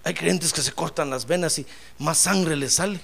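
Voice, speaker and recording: A man preaching a sermon, telling comic stories and breaking into loud shouts of praise. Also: a little high, normal speed, creaky. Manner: comic storytelling, bursts into shouting.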